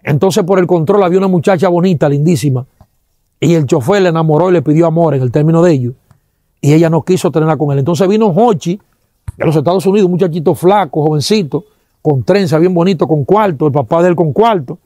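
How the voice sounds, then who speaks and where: A man with a Dominican accent giving an animated testimony, acting out sounds and quoting people, with religious exclamations. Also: on the high side, fast, dry recording, studio quality.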